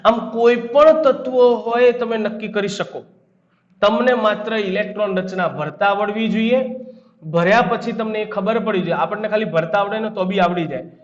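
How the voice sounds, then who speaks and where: A man's voice: sits high, normal speed. A man with a Gujarati accent giving a chemistry lecture, quizzing his students and then answering his own questions. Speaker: chemistry teacher. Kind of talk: classroom lecture. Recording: echoey room, dull lo-fi sound.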